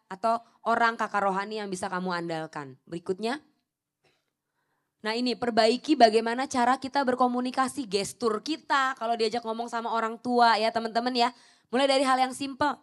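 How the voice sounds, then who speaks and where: Youngish woman giving a church youth talk, kinda high voice, ends lines soft and low. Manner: warm, coaching tone, asks questions and answers them herself; often ends phrases with "teman-teman" in a dropping, softer voice.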